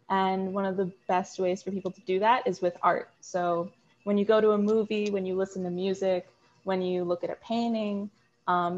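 Woman in her 20s, student guest, earnest and hesitant, mid pitch, muffled call audio. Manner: earnest, explains with many "um"s. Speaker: guest, marine biology student. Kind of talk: interview answers.

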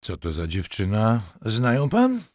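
Brief: stern sardonic cop, curt and mocking, low dry voice, a narrator puts him on. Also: male voice, expressive, normal speed, dry recording. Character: stern sardonic male police lieutenant.

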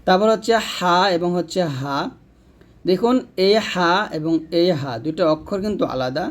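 A man teaching Quran pronunciation, who drills letter sounds slowly and then explains quickly. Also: high-pitched, expressive. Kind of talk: pronunciation lesson.

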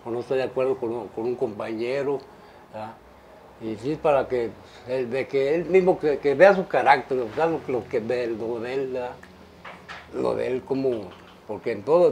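An older man speaks in an ordinary middle pitch, a father offering advice in an interview. He rambles and restarts his sentences, tagging many with a question. A faint background noise sits under his voice. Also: mellow, rough recording. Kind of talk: casual family interview.

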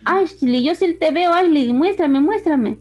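A woman teaching a kindergarten class over a video call. She coaxes the children in a sing-song way and stretches words out slowly. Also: high voice, expressive, highs cut off. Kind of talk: online class for small children.

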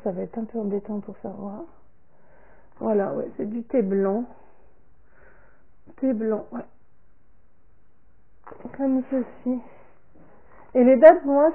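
Slow high-voiced woman, tinny phone-like sound. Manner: slow and halting, repeats "comme ceci" and "voilà", trails off softly. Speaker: vlogger showing a product order. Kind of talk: casual unboxing talk to camera.

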